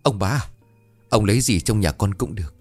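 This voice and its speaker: A man's voice: on the low side, lively intonation, moderate pace, no echo, faint music behind. A man voicing a desperate poor peasant man who begs in a raised, tearful voice. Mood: pleading. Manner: pleading, tearful, lifted voice.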